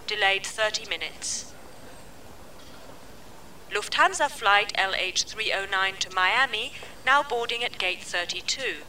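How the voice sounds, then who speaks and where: A woman reading a scripted airport flight announcement in a formal, measured way, repeating each notice. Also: mid-range voice, bright, forceful tone. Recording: distant mic with faint background noise.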